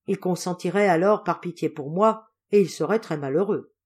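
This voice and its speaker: A woman's voice: fairly low pitch, moderate pace, a little mellow, husky. A shy, tender girl of seventeen who stumbles over her words, as a woman reader puts her on. She talks in short, hesitant bursts in a storybook reading. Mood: timid. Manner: hesitant, faltering.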